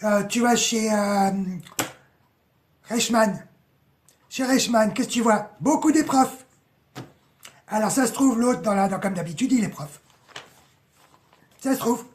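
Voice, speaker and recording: A woman with a hoarse voice, mocking and chatty, analysing song lyrics in a casual live stream, full of slang and swearing. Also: fairly high pitch, slow, long pauses, a little mellow, a little hiss or hum.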